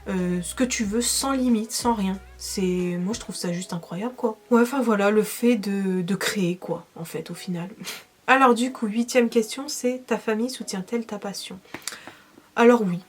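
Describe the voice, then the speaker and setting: Young woman, French accent, casual vlog chat, enthusiastic, filler-heavy, medium pitch. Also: moderate pace. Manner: chatty, enthusiastic, many fillers and laughs. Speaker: makeup vlogger answering viewer questions.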